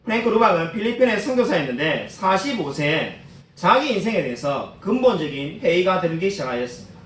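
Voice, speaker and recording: Lively high-voiced male pastor preaching. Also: brisk. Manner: earnest, addresses congregation directly. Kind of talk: sermon. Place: church sanctuary. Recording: roomy, distant church hall.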